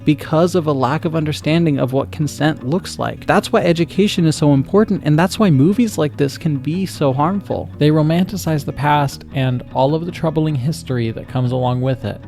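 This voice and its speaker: A man's voice: fairly high pitch, moderate pace, hardly any pauses, a little mellow, faint music behind. Earnest man critiquing a film. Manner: earnest, with sarcastic asides. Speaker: video essayist.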